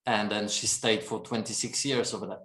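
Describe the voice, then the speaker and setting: Podcast guest, Polish accent, rambling storyteller in a roomy room. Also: male voice, lowish voice, fairly even intonation, brisk, a bit bright. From Poland. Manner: chatty, laughs often, fills with "and then" and "you know". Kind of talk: casual storytelling chat.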